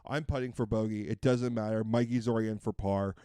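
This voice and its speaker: A man's voice: lowish voice, steady tone, fast talker, warm tone, smooth, dry recording, clean studio sound. A man co-hosting a podcast, telling a long casual story with lots of fillers and restarts. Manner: rambling, full of fillers and restarts. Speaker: podcast co-host.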